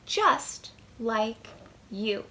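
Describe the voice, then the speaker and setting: A children's librarian running preschool storytime reads a picture book aloud to young kids, her voice on the high side and her pace slow. She phrases things deliberately and expressively, leaning on emphasis, and a little hiss or hum can be heard.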